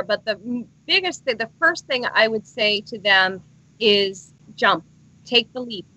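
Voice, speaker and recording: A woman's voice: on the high side, bright, forceful tone, rough recording. A woman author, a guest on a live talk show, chatting in a bubbly, rambling, self-deprecating way. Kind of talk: casual chat.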